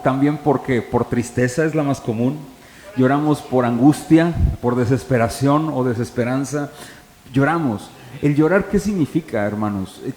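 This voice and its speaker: A man's voice: medium pitch, a little mellow. Man preaching in an echoey church hall. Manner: conversational preaching with rhetorical questions to the congregation. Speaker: pastor. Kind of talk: sermon. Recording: echoey hall, faint ambience.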